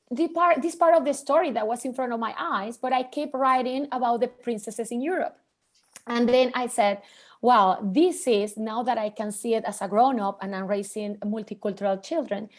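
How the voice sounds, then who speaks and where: A woman's voice: fairly high pitch, darkish tone. A woman from Venezuela hosting an online panel conversation, talking with many hesitant restarts. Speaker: host.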